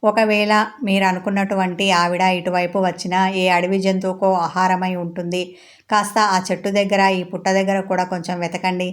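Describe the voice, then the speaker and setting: Low, flat-voiced woman storyteller. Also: fairly quick. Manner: steady storytelling with quoted dialogue. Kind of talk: scripted story narration.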